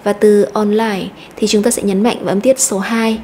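A woman teacher explaining an English lesson step by step, slowly repeating each word to stress. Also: medium pitch, fairly even intonation, mellow, a little hiss or hum. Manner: methodical, repeats words slowly.

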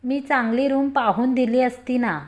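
A woman voicing a bold, quick-witted young man who teases and then scolds, in a storybook reading. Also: high-pitched, lightly acted. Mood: scolding. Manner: playful mocking then scolding.

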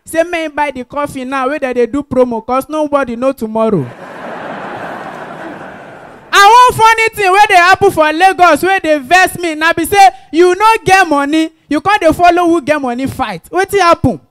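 A Nigerian woman doing stand-up comedy, telling lively stories and shouting out calls to the crowd. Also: high-pitched, a little fast, few pauses. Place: comedy stage.

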